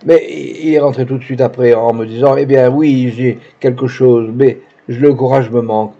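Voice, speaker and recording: A man's voice: medium pitch, fairly even intonation, normal speed, warm tone, lightly acted. A man reading the lines of a naive, grieving young woman in a tearful, faltering manner, in a dull lo-fi recording. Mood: anxious.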